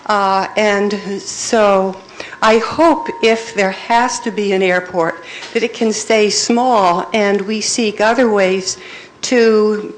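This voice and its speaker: A woman from New England's Upper Valley speaking up at a public meeting. She talks very slowly and deliberately, with pauses and uhs. There is faint room noise behind her. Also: mid-range voice, low-quality recording. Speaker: resident making a public comment.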